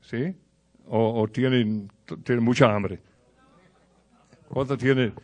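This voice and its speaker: Guy preaching, chatty sermon, talks right to the people, middle pitch. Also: steady tone, slow, a little mellow. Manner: conversational preaching with anecdotes and direct address to the congregation.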